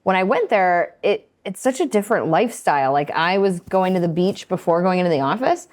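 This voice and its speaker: Low-voiced woman co-host asking questions. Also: lively intonation, a little fast. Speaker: podcast co-host. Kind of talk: casual interview chat.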